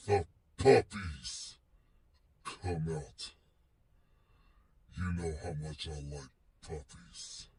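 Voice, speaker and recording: Recorded on a distant mic, this vlogger and show host talks wrestling in a rambling, slangy, playful style, cursing freely. His voice is medium in pitch, creaky and husky, sounding pushed and bright.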